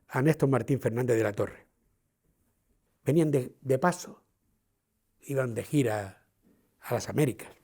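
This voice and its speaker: A man's voice: a little high, lightly acted. A man with a Canarian accent playing a proud older Canarian man, telling his own life story straight to a touring audience. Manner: lively storyteller, addresses listeners directly. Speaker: actor on a theatrical walking tour. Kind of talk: theatrical first-person storytelling.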